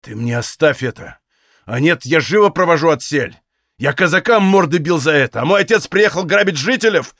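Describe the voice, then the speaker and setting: A man's voice: expressive, moderate pace, dry recording, clean studio sound. A man doing a curt, hot-tempered Cossack officer. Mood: furious. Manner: curt, low and clipped.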